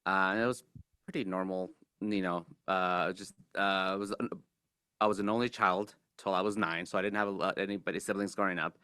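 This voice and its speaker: A man in his forties from Mexico, a guest puppeteer in a casual interview, talking in a relaxed, hesitant way with many fillers and restarts. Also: low-pitched, fairly quick, clear, resonant tone, no echo, clean studio sound.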